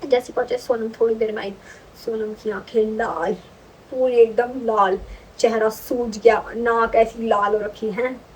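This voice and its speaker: A young woman vlogger telling a personal story in an animated, chatty way, often checking in with the listener. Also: a little high, a little slow, slight background noise, rough recording. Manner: animated, chatty, frequent "ठीक है" check-ins. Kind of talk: casual storytelling.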